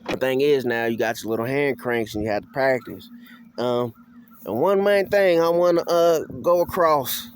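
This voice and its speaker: A man giving a casual hands-on tutorial as an instructor, in folksy, colloquial country phrasing, patiently repeating each instruction step by step. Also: mid-range voice. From rural area. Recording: clear background noise, outdoor ambience.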